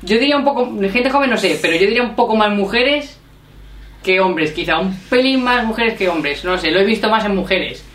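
A woman's voice: medium pitch, animated, brisk, fairly bright tone. Chatty woman in a roomy space. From Spain. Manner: chatty, laughing storyteller. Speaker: vlogger. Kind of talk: casual chat. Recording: roomy echo.

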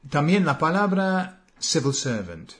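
Slow, hesitant English-accented man speaking Spanish. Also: on the high side, very animated, a bit bright. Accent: English learner speaking Spanish. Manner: slow, hesitant, many fillers and repeated words. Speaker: co-host of a Spanish lesson. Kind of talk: casual conversational lesson.

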